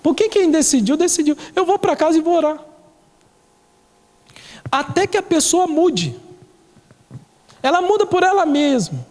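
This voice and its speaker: A Brazilian male pastor preaching in a very high voice, telling stories and driving his points home by repeating phrases. He is recorded in a church whose hall adds a long, ringing reverb. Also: very animated, a little slow, long pauses, a little mellow. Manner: storytelling, repeating key phrases for emphasis. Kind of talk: sermon.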